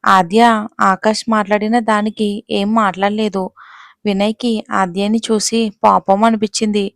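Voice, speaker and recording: A woman's voice: mid-range voice, level tone, moderate pace, dry recording, clean studio sound. A woman narrating a romantic story and reading every character's lines in her own voice. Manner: reads dialogue of all characters in her own voice.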